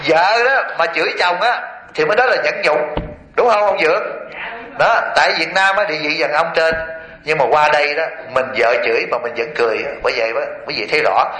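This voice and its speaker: A Buddhist monk preaches to a gathered lay audience in a temple hall. His voice sits fairly high and sounds bright and forceful, and the hall adds a roomy echo. He chuckles as he tells his stories and keeps turning to his listeners with questions. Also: fairly quick. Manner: lively, keeps quizzing the audience with rhetorical questions; chuckles often while storytelling. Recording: echoey hall.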